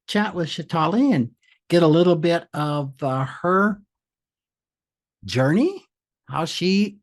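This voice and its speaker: A man's voice: a little high, creaky. An older man hosting a podcast interview, talking loosely with many fillers and restarts. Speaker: podcast host.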